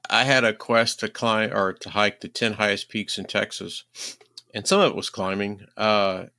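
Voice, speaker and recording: Bright-voiced man hosting a podcast. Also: lowish voice, steady tone, normal speed, creaky, no echo, clean studio sound. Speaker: podcast host. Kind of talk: casual interview chat.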